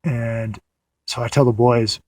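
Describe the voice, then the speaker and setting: A man's voice: medium pitch, steady tone, measured pace, darkish tone, dry recording. A man recounting a dream in a casual, meandering way, often restarting his sentences, sitting in a parked car at night. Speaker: audio diarist.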